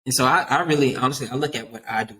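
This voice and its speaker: A man as a youth worker guest on a podcast, talking in an earnest, animated way and often dropping "man" into his sentences. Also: mid-range voice, racing, low-quality recording. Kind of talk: casual podcast interview.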